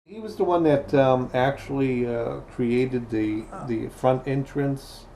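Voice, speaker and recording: A man's voice: mid-range voice, slow pace, warm tone, a little hiss or hum. A man asking casual questions as an interviewer in an informal conversation.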